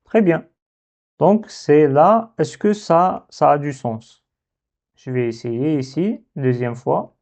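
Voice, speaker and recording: A man teaching a lesson on Arabic letters, slowly thinking aloud as he works through a dictation exercise. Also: on the high side, darkish tone. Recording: dull lo-fi sound.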